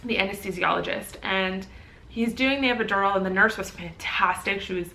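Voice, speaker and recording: Young adult woman vlogger with a bright, lively voice, doing casual storytelling. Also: mid-range voice, brisk, creaky, a little hiss or hum. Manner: animated, acts out quoted voices, many fillers like "like". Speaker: vlogger and new mother.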